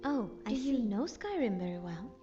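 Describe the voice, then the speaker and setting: A woman voicing a polite, curious young wood elf archer, measured and courteous, as game companion dialogue. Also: a little high, big pitch swings, highs cut off, over music. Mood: friendly, eager.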